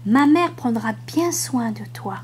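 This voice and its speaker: A woman voicing a small, pleading young male lamb in a storybook read-aloud, her voice raised high. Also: expressive, takes it slowly, darkish tone, a little hiss or hum.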